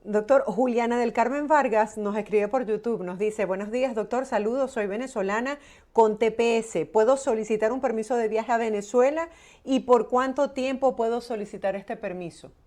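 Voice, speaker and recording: A woman hosting a live segment, reading viewers' questions aloud in a steady, measured way. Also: on the high side. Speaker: host.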